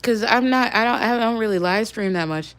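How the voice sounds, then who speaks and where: A woman's voice: a little high, brisk, fairly bright tone, clean tone. A young woman chatting casually on a livestream. She rambles and swears now and then as she talks with her viewers. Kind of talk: casual live-stream chat.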